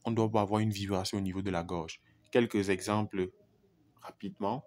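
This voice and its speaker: A man teaching English pronunciation who repeats each example word deliberately and addresses the viewer informally. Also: fairly low pitch, steady tone, darkish tone. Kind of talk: pronunciation lesson.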